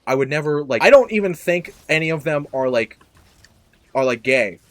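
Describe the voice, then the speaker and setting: A young man hosting a casual podcast chat, rambling and self-deprecating with sudden loud exclamations. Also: a little high, expressive, moderate pace, no echo. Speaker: podcast host.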